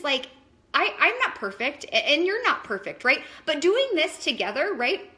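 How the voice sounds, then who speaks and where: A woman in her thirties talks in a high voice, rambling through a casual live chat from home. She works as a wellness coach and fills her talk with fillers and restarts. Her tone is bright and sharp. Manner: rambling, chatty, filler-heavy. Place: at home, indoors.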